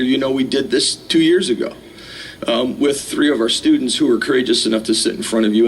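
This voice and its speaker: A man's voice: mid-range voice, slight background noise. A man, a chaplain, moderating a chapel panel in an easygoing, jokey way. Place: university chapel.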